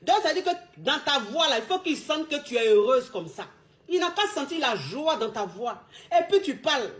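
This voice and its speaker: High-voiced woman coach. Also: very animated, normal speed. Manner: emphatic, repetitive street-slang delivery. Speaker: relationship coach. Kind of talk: casual advice monologue.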